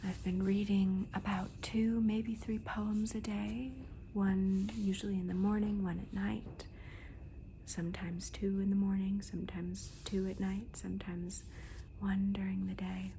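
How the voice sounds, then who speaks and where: Hushed, whispering woman, slow and creaky. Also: medium pitch, level tone. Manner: slow, deliberate, gentle pauses between phrases. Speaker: host of a book haul video. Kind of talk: soft-spoken ASMR book talk. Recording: noticeable background noise.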